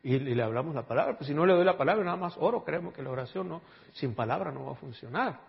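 A pastor preaching a sermon, emphatic and calling on the congregation for responses. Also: male voice, fairly high pitch, expressive, fast, gravelly. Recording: dull audio with long hall reverb.

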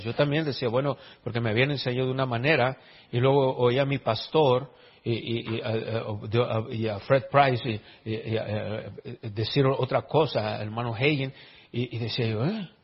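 Husky preacher in a reverberant church. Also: male voice, mid-range voice. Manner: many restarts and stammers, rising to emphatic preaching. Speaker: pastor. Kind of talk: sermon. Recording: dull lo-fi sound with long hall reverb.

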